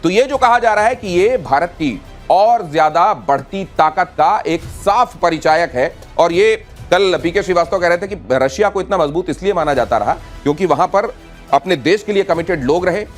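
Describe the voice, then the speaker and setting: A man with a high-pitched voice anchors a televised news debate. His delivery is dramatic and rhetorical, punching his lines for effect. Faint music plays softly behind him in the studio. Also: lively intonation, normal speed.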